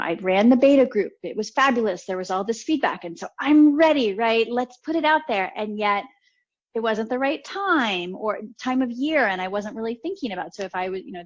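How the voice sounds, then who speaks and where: A woman coach talking in a casual interview, telling animated stories and laughing often. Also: medium pitch, moderate pace. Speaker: podcast guest, coach. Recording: slightly dull lo-fi audio.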